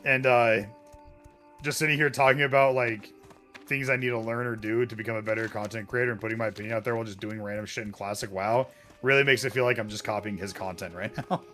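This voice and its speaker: A man's voice: on the low side, steady tone, fast talker, fairly bright tone, faint music behind. A man who makes online videos, chatting casually while gaming, rambling and swearing freely. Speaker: content creator.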